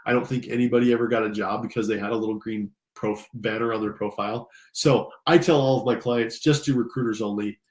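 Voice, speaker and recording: Talking fast with few pauses, this American instructor and career coach has a lowish, steady, somewhat mellow voice, a bit stuffy from allergies. He leads an informal, enthusiastic screen-share tutorial straight to his audience in a roomy, echoing recording.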